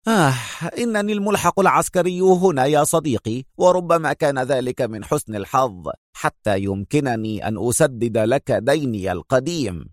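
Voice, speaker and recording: A man voicing a good-humored, grateful male military officer in a spoken story, sounding warm and amused. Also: mid-range voice, animated, moderate pace, no echo, studio quality, natural voice.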